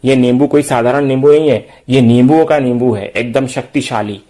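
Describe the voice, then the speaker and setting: A young trickster from a TV serial fakes a holy trance and rambles on in a slangy, self-assured way, as a man reads him out. The voice sits at an ordinary middle pitch. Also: a little fast, dark tone, close to an everyday voice. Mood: scheming.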